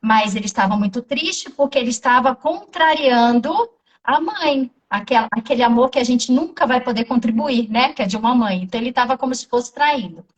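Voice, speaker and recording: A woman with a Brazilian accent, speaking as a therapist in an interview and telling stories from her practice. Her voice sits a little high, and she is animated, acting out the voices in the dialogue as she tells it. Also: fairly quick, distant mic, poor audio. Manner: animated, acts out quoted dialogue. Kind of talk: interview storytelling.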